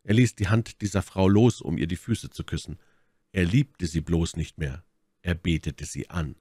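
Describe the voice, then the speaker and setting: A man reading a classic novel aloud as audiobook narration, in an expressive, theatrical manner. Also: low voice, moderate pace, dry recording, clean studio sound. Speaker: audiobook reader.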